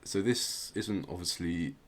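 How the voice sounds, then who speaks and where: This low-voiced podcast host keeps a measured pace in his casual show. He talks things through in a conversational way, drifting a bit and hedging what he says.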